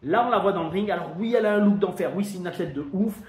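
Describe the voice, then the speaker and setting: A man's voice: high-pitched, fast talker, a little mellow. A man from France giving a chatty, emphatic review monologue as host of his wrestling show. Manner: chatty, emphatic, thinks aloud. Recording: echoey room with faint noise.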